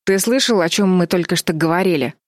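A woman's voice: lowish voice, a little fast, no room sound, clean studio sound, close to an everyday voice. Woman voicing an outraged young boy. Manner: loud and outraged. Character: angry brave young boy. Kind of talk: audiobook character voice.

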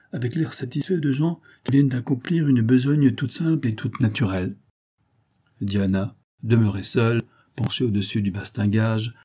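Guy narrating an old novel, low and kinda husky, steady and dramatic. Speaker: audiobook narrator. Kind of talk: scripted narration of a classic novel.

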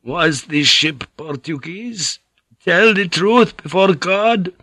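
A man's voice: sits high, expressive, takes it slowly, bright, forceful tone, dry recording, studio quality, voice pushed up, heavily acted. A man voicing an old, frail Spanish monk, feverish and suspicious, with a thick, sibilant peasant voice and a Spanish accent. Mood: suspicious, bitter. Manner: thick, sibilant peasant voice, pleading then bitter.

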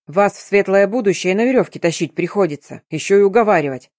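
In this audiobook narration, a woman voices a stern, domineering, sly male curator, giving him a curt, commanding manner and a stern, mocking mood. Her medium-pitched voice is a little mellow, with lively intonation and a moderate pace. It sounds natural, captured in a dry, clean studio recording.

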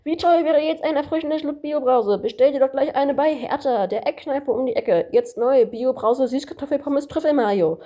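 A woman's voice: normal speed, few pauses, warm tone, highs cut off, lightly acted. A woman voicing a kangaroo who fakes a pushy, overly peppy advertising announcer. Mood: salesy. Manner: overly peppy salesy pitch.

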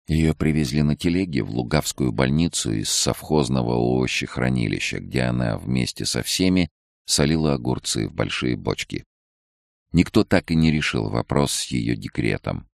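Very deep, gravelly male narrator. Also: animated, moderate pace, dry recording, clean studio sound. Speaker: audiobook narrator. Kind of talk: audiobook narration.

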